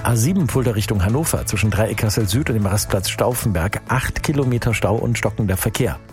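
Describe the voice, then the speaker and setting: A man hosting an afternoon radio show, reading traffic news and chatting in a cheerful, energetic way. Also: lowish voice, a little fast, faint music behind. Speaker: radio host. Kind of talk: upbeat radio presenting with traffic report.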